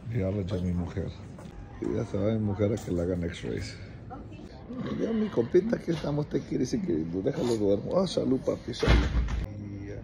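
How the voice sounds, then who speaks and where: Gravelly-voiced man vlogging casually. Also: fairly low pitch, noisy background. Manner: playful, talks tenderly to his baby. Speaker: family vlogger. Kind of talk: casual vlog and cooking narration.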